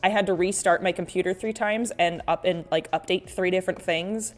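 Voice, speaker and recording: A woman's voice: lowish voice, fairly even intonation, fairly quick, soft background music. A woman hosting a casual livestream, chatting playfully with viewers in an exclamatory, rambling way, often interrupting herself as she reads and reacts to comments. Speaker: livestream host and artist.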